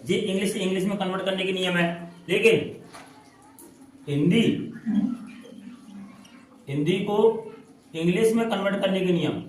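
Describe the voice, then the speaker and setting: A man's voice: sits high, a little hiss or hum. A man teaching English pronunciation in a classroom style, repeating and drawing out words as he explains. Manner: repetitive, drawn-out spelling out of words. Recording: echoey room from far off.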